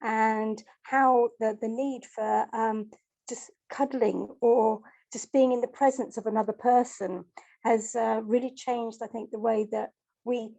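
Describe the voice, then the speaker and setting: A woman's voice: a little high, steady tone, measured pace, gravelly, dark tone. A woman joining an online panel discussion from the audience over a video call, friendly and musing with some ums. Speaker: audience participant.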